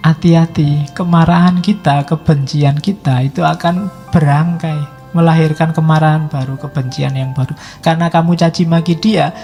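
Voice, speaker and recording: A man's voice: a little high, warm tone, in a large hall. A man giving a casual philosophy lecture at a mosque study session, acting out quarrels in quoted voices. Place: mosque hall.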